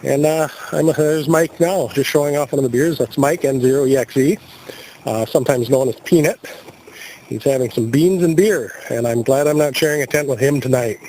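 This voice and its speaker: Filming a camping trip on a handheld video camera, an American ham radio operator offers playful, joking commentary from his campsite. He speaks at a moderate pace in a medium-pitched, dark-toned voice, and the outdoor camcorder sound is noisy.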